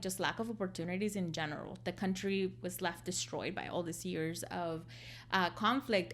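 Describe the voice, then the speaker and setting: Guest therapist, woman in her 40s from El Salvador, mid-pitched, reflective, pauses and fillers. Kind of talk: casual interview storytelling.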